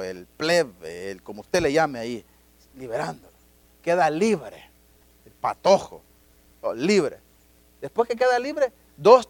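Brief: middle-aged pastor, high voice, dry close sound, emphatic preaching that swings loud and low. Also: male voice, no room sound. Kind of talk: sermon.

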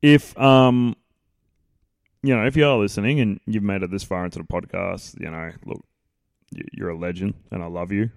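A man's voice: on the low side, steady tone, normal speed, gravelly, dry recording, studio quality. A man hosting a podcast, chatting casually in a joking, playful, rambling way while he watches a film. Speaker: podcast host. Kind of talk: casual chat.

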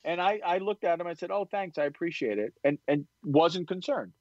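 A man and poker author telling a story in an interview, animated and full of restarts. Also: high voice, brisk, no echo, dull audio. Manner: animated, acts out quoted voices, stammering restarts.

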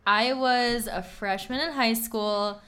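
A woman's voice: fairly high pitch, fairly even intonation, slow pace, a bit bright, clear, resonant tone. An easygoing young woman chatting casually with her partner on a podcast. She agrees readily and giggles often. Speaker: podcast co-host.

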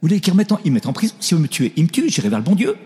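A man's voice: fairly high pitch, sing-song, normal speed, warm tone, voice pushed up. A man voicing an old, stubborn Chinese bishop who speaks French with a slight Chinese accent in short, clipped phrases. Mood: laughing defiant. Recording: reverberant hall.

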